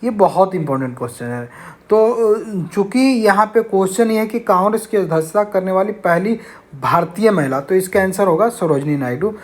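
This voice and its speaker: Expressive and moderately paced, this high-sitting male voice leads an exam-prep class. Reading each question aloud, he walks through the answers in a teacherly, repetitive style, returning to key phrases.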